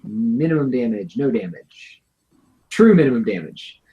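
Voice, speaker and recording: A man's voice: mid-range voice, expressive, a little slow, dull audio. A man running a tabletop game as game master over a video call, narrating with wry humor and calling rules. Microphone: home computer mic on an online video call.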